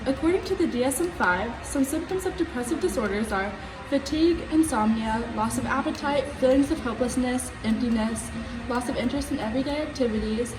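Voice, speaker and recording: Calm psychiatrist puppet played by a woman, measured and instructive, higher-pitched, roomy noisy recording. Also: natural voice. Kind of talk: scripted educational puppet skit. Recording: roomy, distant mic, noisy background.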